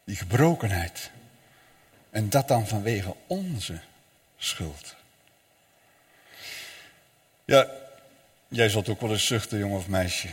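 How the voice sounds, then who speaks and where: A male pastor delivers a solemn sermon with dramatic swells and drops in his voice. He speaks slowly, and his voice carries a slight huskiness. The sound rings with the long reverb of a large church hall. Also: lowish voice, animated, breathy edge. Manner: slow, solemn preaching with dramatic rises and falls.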